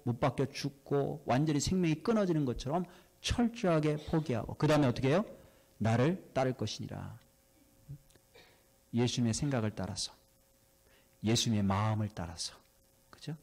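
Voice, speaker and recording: Man, pastor, sermon, medium pitch, asks questions and answers them, slows down for emphasis. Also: gravelly, a little mellow. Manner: slows down to stress key words.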